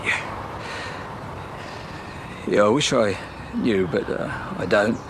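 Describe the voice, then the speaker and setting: An actor playing a remorseful Australian father haunted by his violent crime, speaking haltingly and with a heavy heart in a television drama. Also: lowish voice, background noise. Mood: remorseful, pained. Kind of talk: naturalistic television drama acting.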